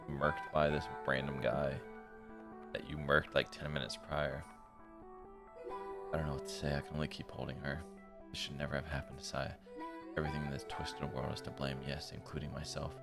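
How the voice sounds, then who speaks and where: Very deep and creaky, this man's voice dramatically reads a visual novel's text during a stream, pausing now and then for casual, slangy, blunt comments. Game music plays loudly in the background.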